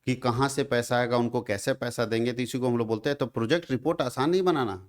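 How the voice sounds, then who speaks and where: Man from teaching exam revision. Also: medium pitch. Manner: explains each point twice with quick check questions to students.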